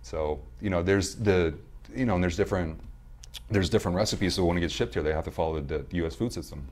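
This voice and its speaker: A podcast guest with a very deep, smooth, slightly hoarse voice talks quickly in a relaxed, casual interview chat. He rambles through his stories, restarting sentences and using fillers.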